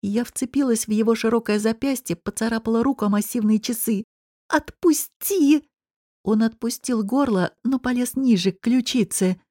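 A woman narrating a first-person audiobook in an even, measured way. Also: on the high side, no echo, clean studio sound.

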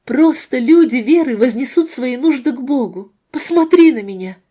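A woman's voice: on the high side, lively intonation, normal speed, warm tone. A woman voicing an earnest young wife who pleads with her husband in a read-aloud novel. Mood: pleading. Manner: pleading, urgent.

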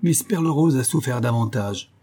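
A man's voice: medium pitch, animated, normal speed, mellow, close to an everyday voice. A man voicing a young male hero who speaks coldly, voice shaking with anger, in an audiobook. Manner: cold, trembling with anger.

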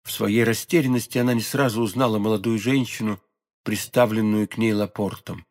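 A man with a lowish voice tells a classic novel as an audiobook, measured and expressive in his narration.

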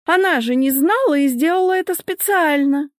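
A woman voicing a spiteful young wife who talks in a sharp, indignant tone. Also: high-pitched, lively intonation, normal speed, dry recording, studio quality, voice pushed up. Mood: shrill indignant.

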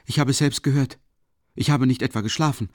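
A man's voice: mid-range voice, fairly even intonation, brisk, no echo, studio quality, voice pushed up, lightly acted. A man voicing a feverish young man in an audiobook, timid and agitated, with a weak voice. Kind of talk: audiobook character voice.

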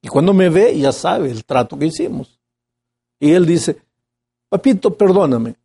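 A man's voice: a little high, normal speed, creaky, dark tone, husky. A man giving a Bible lesson as an impassioned sermon, rising to emphatic peaks.

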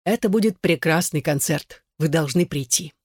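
A man reads a young emperor fresh from his coronation, earnest and fervent in manner. The voice sits somewhat high and sounds close, with no room around it. It comes across as an audiobook reading. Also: normal speed, a little mellow, no room sound, lightly acted. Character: young newly crowned male emperor, earnest.

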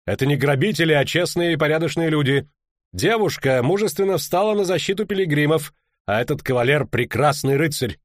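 Audiobook casting: man voicing a loud, upright knight, giving orders. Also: on the high side, lively intonation, fairly quick, no echo, clean studio sound, lightly acted. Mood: commanding. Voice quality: raised, declaiming. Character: earnest mustached male knight, commanding.

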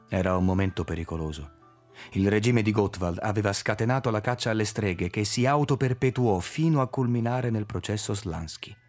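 Male audiobook reader, measured expressive delivery, lowish voice. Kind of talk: literary audiobook narration.

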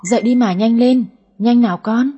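A woman's voice: on the high side, normal speed, dark tone, husky. A woman voicing a nagging, fussing middle-aged mother in an audio story. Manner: nagging, complaining.

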